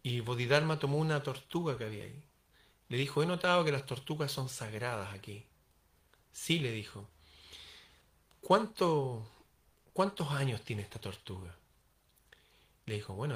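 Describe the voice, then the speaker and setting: A man's voice: mid-range voice, fairly bright tone. A man telling a parable aloud, acting out the dialogue in varied voices. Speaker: storyteller. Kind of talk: oral storytelling of a parable.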